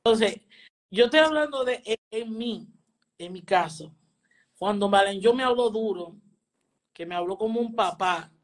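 A woman's voice: medium pitch, normal speed, long pauses. A woman, a spiritual teacher telling a personal testimony and earnestly repeating phrases for emphasis.

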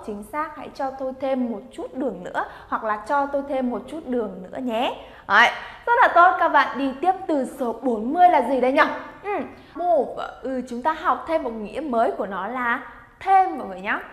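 A high-pitched, fairly bright female voice teaches Japanese vocabulary, encouraging her students and drilling words aloud for them to repeat. The language lesson is recorded in an echoey room with long reverb.

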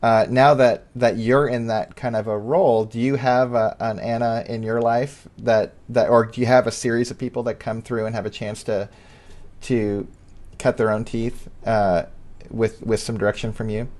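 Halting male podcast host. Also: mid-range voice, level tone, a little mellow. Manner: halting and searching for words, with many ums and repeated words. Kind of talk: casual interview conversation.

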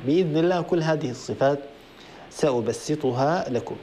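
A man hosting a call-in Quran recitation lesson, explaining rules methodically and slowly chanting verses to show them. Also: mid-range voice, a little mellow, a little hiss or hum. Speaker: Quran recitation teacher and program host. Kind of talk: tajweed lesson on a call-in broadcast.

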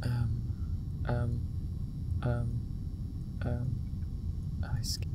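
Let's-play host, man: slow, gravelly, mutters then shouts at the game, noisy recording. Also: medium pitch, monotone. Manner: jumpy, mumbling, swears, shouts at the game. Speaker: YouTuber playing a horror game. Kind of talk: casual gameplay commentary. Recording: loud background noise.

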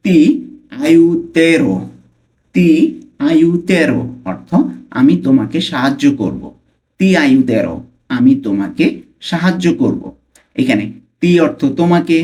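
Bangladeshi guy teaching italian, says every phrase slow and over again, mid pitch. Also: darkish tone. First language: Bengali. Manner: slow, careful repetition of phrases. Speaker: language teacher. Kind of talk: Italian lesson for Bengali speakers.

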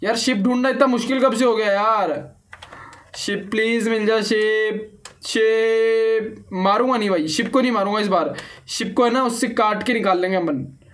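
A young man giving casual let's-play commentary on a block-building game, chatty and excitable, often repeating words in rapid bursts. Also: high-pitched. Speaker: gaming YouTuber.

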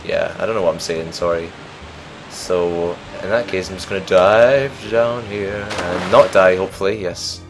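A young man talks through a game he is playing, chatty and meandering, often laughing at his own mistakes. His voice sits low, and his relaxed home-recorded commentary carries a faint hiss underneath. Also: moderate pace. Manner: chatty, rambling, self-mocking. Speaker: let's play gamer. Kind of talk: casual gameplay commentary.

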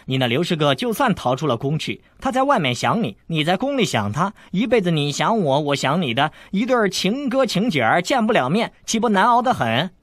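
男声扮演的爱逗人的少年小太监, 嗓音略沙哑, 录音干. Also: male voice, fairly high pitch, sing-song, fairly quick, fairly bright tone, no room sound, clean studio sound. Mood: teasing. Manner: teasing, boastful, playful. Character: cheeky scheming teenage boy eunuch.

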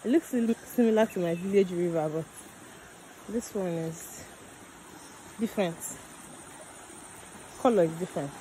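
A young woman with a Nigerian accent, chatting excitedly as she vlogs her walk through a cave and down to a river. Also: lowish voice, a little slow, pauses often, slight background noise, rough recording. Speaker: vlogger. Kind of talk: casual travel vlog narration. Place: inside and around a cave and riverside outdoors.

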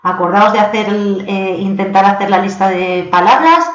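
Woman teacher from Spain, patient, checks in with learners, echoey room, muffled recording. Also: medium pitch. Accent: Spanish from Spain. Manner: patient, slows down to read example sentences. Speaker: English teacher. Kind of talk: recorded online lesson. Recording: echoey, dull lo-fi home recording.

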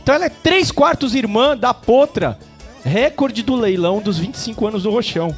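High-voiced Brazilian auction commentator, male. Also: lively intonation, fairly quick. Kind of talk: live sales commentary. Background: music.

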